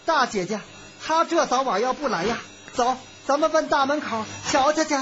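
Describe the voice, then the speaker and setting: A woman storyteller voicing a lively young concubine who coaxes playfully. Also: high-pitched, moderate pace, voice pushed up. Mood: coaxing. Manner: coaxing, playful. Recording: dull lo-fi recording with music.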